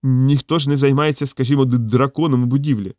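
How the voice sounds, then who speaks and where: A kindly old wizard who booms and stammers over his words, slow and gently exasperated, as a male audiobook reader plays him. The voice sits close on a dry mic. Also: fairly even intonation, no room sound, close to an everyday voice. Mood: pleading. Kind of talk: audiobook character voice.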